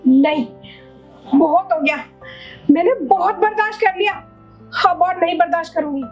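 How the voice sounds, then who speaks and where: A woman acting as a young daughter-in-law in a family drama, wounded but standing her ground, speaking slowly and brokenly when upset. Her voice is very high, and soft music plays behind. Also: lo-fi sound. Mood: hurt, defiant. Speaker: actor in a family drama short. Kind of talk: melodramatic short-film acting.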